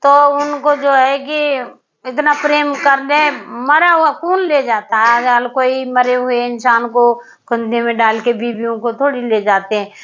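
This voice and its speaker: A woman casually retelling a devotional story, unhurried and halting, with many fillers and repeated words. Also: high voice, steady tone, fairly bright tone. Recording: dull lo-fi recording.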